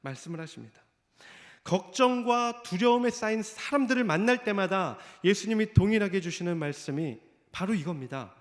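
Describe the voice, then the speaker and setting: A man's voice: high-pitched, normal speed, hardly any pauses. A man preaching a sermon, telling a story and acting out the voices of the people in it. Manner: storytelling, acts out quoted voices. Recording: long reverb of a church hall.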